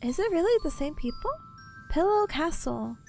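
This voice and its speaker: A woman's voice: very high voice, very animated, normal speed, gravelly, a little mellow, faint music behind. A woman streaming a game and chatting to viewers in a cutesy, bubbly, playful way. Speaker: streamer, VTuber host.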